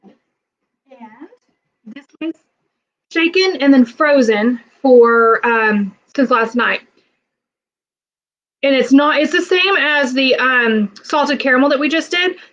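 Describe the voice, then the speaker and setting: A woman's voice: high voice, animated, slow, pauses often, a bit bright, distant mic, muffled recording. A woman chatting casually as she walks through a recipe in her home kitchen, rambling with lots of fillers. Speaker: cooking vlogger. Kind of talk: casual cooking demo.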